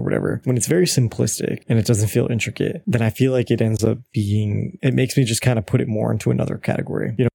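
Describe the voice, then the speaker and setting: Guy co-hosting a podcast, gravelly voice, mellow tone, rambly, swears a lot. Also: medium pitch, no echo, studio quality. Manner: rambling, swears freely, many fillers. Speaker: podcast co-host. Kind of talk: casual chat.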